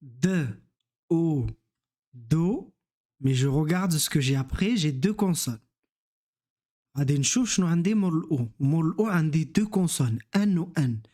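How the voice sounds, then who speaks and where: A man's voice: fairly high pitch, expressive, fast talker, darkish tone. A man teaching reading, sounding out letters and syllables one at a time and repeating each word. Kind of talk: slow step-by-step reading lesson.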